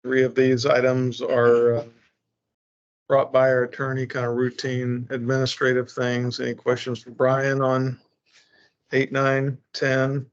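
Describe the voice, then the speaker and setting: Guy chairing a board meeting, formal n a bit halting, dull lo-fi recording. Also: medium pitch, monotone. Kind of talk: formal public meeting procedure. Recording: muffled, band-limited meeting recording.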